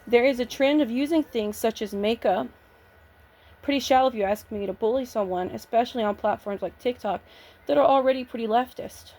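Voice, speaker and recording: A woman with a slightly high voice talks straight to camera in a loose, blunt vlog rant. She swears freely and sounds nervous and shaky, pushing through restarts as she argues her point. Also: a little fast, a little mellow. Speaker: vlogger. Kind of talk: casual ranting vlog.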